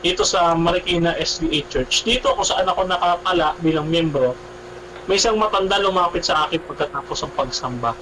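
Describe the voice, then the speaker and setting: High-voiced man, animated radio guest telling his testimony, addresses the host as "bro". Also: fairly quick, noisy background. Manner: animated, keeps calling the host "bro", repeats himself.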